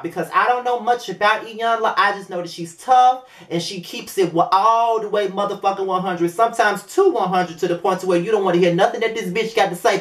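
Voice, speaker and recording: A man's voice: high-pitched, fairly bright tone. A man in his late twenties talks straight to camera in a loose, rambling vlog review. He swears freely, circles back on himself and fills gaps with lots of ums. His voice carries a noticeable room echo. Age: 20s. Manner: blunt, profane, rambling with many fillers. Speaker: video reviewer. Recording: roomy echo.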